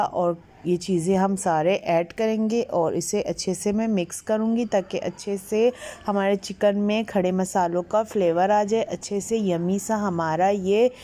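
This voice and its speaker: A woman's voice: medium pitch, dark tone. A woman hosting her home cooking channel, chatting viewers through a recipe step by step in a voice-over. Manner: chatty, repeats "ये देखिए" while guiding viewers step by step.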